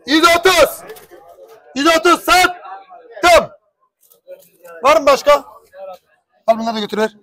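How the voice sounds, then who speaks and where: High-pitched, shouting auctioneer man. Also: expressive, takes it slowly, pauses often. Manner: loud, repetitive price calling, pleading for quiet. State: strained throat from shouting. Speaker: pigeon auctioneer. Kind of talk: calling bids at a live auction.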